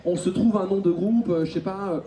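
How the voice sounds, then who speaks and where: A man's voice: high-pitched, mellow, a little hiss or hum. A man performing improvised stage comedy in front of a live audience, teasing his partners and laughing as he talks. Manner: teasing, laughing, rapid-fire. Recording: echoey live show, far from mic.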